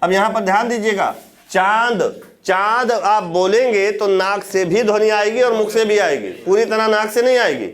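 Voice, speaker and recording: A man with a fairly high voice teaches a grammar class. He poses questions to his students and answers them himself. He drags out example words to show how they sound. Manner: demonstrates sounds by repeating words slowly. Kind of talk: classroom lecture on Hindi grammar.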